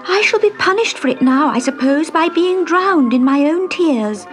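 Woman doing a tearful little girl, high and plaintive, storybook reading, lively swoops, music underneath. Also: normal speed. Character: young girl Alice, tearful and earnest.

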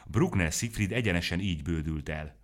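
A man narrating a children's story in an expressive, animated way. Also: low voice. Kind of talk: storybook reading.

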